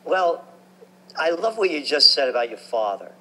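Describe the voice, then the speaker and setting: A man's voice: a little high, normal speed, slight background noise, rough recording. New man in his sixties reminiscing. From New York. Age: 60s. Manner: animated, reminiscing, emphatic. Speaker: guest. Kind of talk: conversational storytelling.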